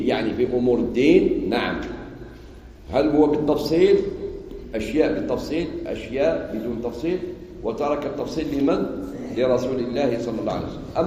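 A man's voice: medium pitch, mellow, highs cut off, slight background noise. A man with an Algerian Arabic accent teaching Quran commentary in an informal way, quizzing his listeners and answering the questions himself. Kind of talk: informal religious lesson in dialect. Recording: echoey hall with long reverb.

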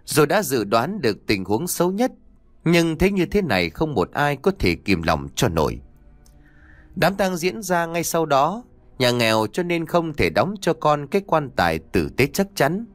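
A man narrating a spoken story, his voice rising and falling in a lively, dramatic sweep. The recording is dry and close, with no room sound. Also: fairly high pitch, unhurried, dry recording. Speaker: audiobook narrator.

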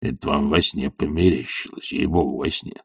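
A man voicing a stubborn old male servant who mutters and grumbles in a low, half-whispered voice, in an audiobook. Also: takes it slowly, gravelly, breathy edge, no echo, studio quality, heavily acted. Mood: coaxing.

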